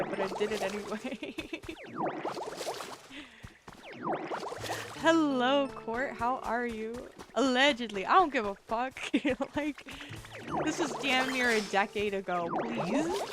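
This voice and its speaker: A woman streamer chatting casually and profanely with her viewers, laughing often. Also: fairly high pitch. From South Florida. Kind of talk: casual livestream chat with viewers. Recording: loud background music. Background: loud music.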